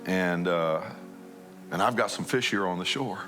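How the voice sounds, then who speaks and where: A man's voice: low-pitched, moderate pace, music in the background. A man preaching a conversational sermon as a pastor, asking his listeners many questions.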